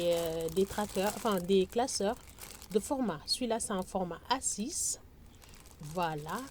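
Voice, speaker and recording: Her voice sits at a medium pitch with a warm tone, and there's a little background noise. Chatting to her audience about budgeting from her balcony outside, she frequently pauses and teases them in a sing-song, playful way.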